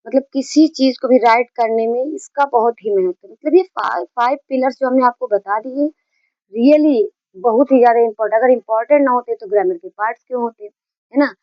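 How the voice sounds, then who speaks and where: A woman's voice: fairly high pitch, fairly quick, dry recording, lo-fi sound. A woman teaching a grammar lesson, explaining patiently, repeating key points and mixing in English terms.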